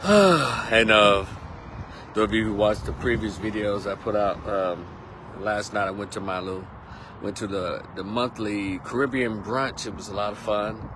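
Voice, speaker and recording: A Texan man in his fifties talks through a relaxed, rambling monologue, full of slang and easy asides. He is recorded outdoors on a windy day, with a faint hum of traffic behind him. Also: lowish voice, a little slow. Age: 50s. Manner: chatty and rambling, laid-back slang. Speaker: vlog host. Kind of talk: casual monologue.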